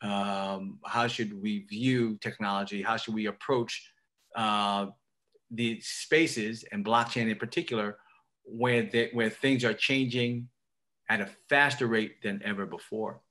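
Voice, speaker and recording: A middle-aged man with a Queens, New York accent, speaking as a legislator on a group call in a halting way, repeating phrases and posing questions. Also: fairly low pitch, fairly even intonation, pushed and bright. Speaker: state legislator, guest speaker. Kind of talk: prepared remarks on a group call. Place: indoor room at home, on a video call.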